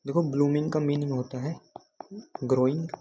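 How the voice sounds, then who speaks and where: Guy from haryana doing exam prep lessons, warm low-key voice, keeps asking then answering himself. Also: fairly even intonation, normal speed, a little hiss or hum. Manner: patient, repeats questions to students. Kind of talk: explaining lesson.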